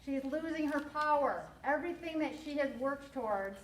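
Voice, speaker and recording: A woman's voice: sits high, animated, a little fast, slight background noise. A woman teacher leading a class reading lesson, explaining words and quizzing her students. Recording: roomy classroom from far off.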